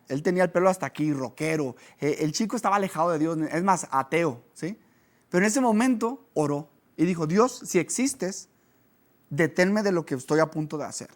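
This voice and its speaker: A man, a pastor giving a conversational sermon, who tells stories with lively energy. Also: high-pitched. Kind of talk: sermon teaching.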